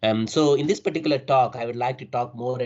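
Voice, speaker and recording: A man's voice: medium pitch, fast talker, darkish tone. A middle-aged man with a South Indian accent gives an online academic presentation, often adding tags like "right?" to his sentences. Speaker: university faculty member presenting. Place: remote online call. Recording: dull, band-limited online call audio.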